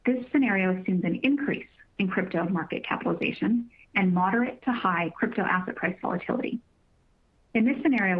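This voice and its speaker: On an earnings call, a company finance executive reads scripted remarks in a formal, measured way, choosing her words carefully. She has a mid-range voice, and the conference line sounds narrow and tinny.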